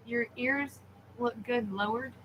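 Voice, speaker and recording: A woman's voice: on the high side, fairly even intonation, slow, lo-fi sound, a little hiss or hum. A woman co-hosting a casual livestream, teasing her partner with dry quips while eating. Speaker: co-host.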